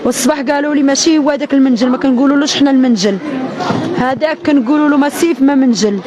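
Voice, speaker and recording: A woman's voice: high voice, very fast. A young woman with a Moroccan accent giving an emotional street testimony, angry and crying, insistent and repeating her phrases. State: crying, upset. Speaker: bereaved widow giving an eyewitness account. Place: outdoors in a residential street. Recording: outdoor street recording with loud crowd.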